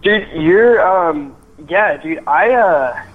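A man's voice: high-pitched, animated, takes it slowly. A young man and father, chatting casually on a podcast in a laid-back way, full of "dude" and "like". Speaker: podcast co-host. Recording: dull lo-fi sound.

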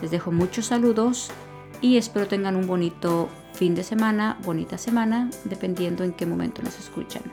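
A woman's voice: on the low side, brisk, music in the background. A woman hosting a podcast lesson, patiently explaining grammar with repeated examples. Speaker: Spanish grammar teacher, podcast host.

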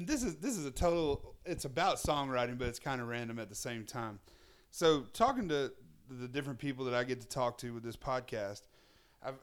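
A man in his thirties hosts a casual podcast interview. His voice sits at a middle pitch for a man. He talks informally and agreeably, as in a relaxed conversation. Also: clean tone. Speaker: podcast host.

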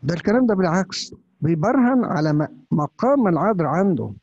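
Man, priest, Upper Egyptian Arabic accent, breathy raised voice, sermon full of rhetorical questions, dull dry recording. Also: sits high, sing-song, fast talker, darkish tone, dry recording.

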